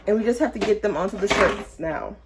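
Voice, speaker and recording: A woman's voice: medium pitch, a little fast, noisy background. Chatty woman crafting on camera. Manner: chatty, talks to herself and viewers while working. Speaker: crafter making custom shirts. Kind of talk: casual vlog chat. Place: home craft room.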